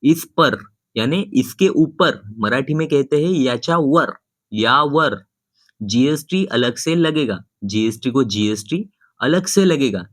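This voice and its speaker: A man's voice: mid-range voice, fairly bright tone, no room sound, studio quality. A man teaching a casual lesson, patiently repeating words and contrasting pronunciations as he talks to his viewers. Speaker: language teacher.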